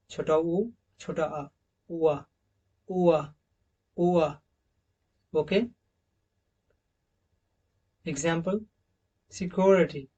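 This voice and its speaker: A man's voice: a little high, a little mellow, distant mic, lo-fi sound. A man teaching English pronunciation, saying each sound several times over and calling viewers his friends. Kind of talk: recorded slide lesson on pronunciation.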